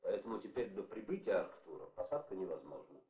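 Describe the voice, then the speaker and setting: Low-voiced grave spaceship commander. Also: male voice, lively intonation, fast, mellow. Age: middle-aged. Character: grave, restrained middle-aged spaceship commander. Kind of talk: 1960s Soviet film drama acting. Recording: dull, roomy old film sound, hiss.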